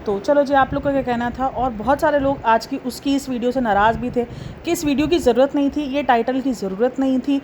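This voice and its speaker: A woman with a high voice talks straight to her viewers in a casual commentary vlog. She scolds and fires off rhetorical questions in an exasperated tone. A faint hiss of noise sits under her voice. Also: fairly quick, darkish tone. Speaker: commentary vlogger, channel host.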